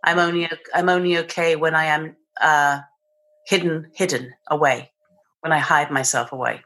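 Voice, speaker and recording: Appearing as a podcast interview guest, an Englishwoman with a British accent speaks at a moderate pace in a low, steady, slightly bright voice. She is thoughtful and reflective, hunting for the right words and often restarting partway through a phrase.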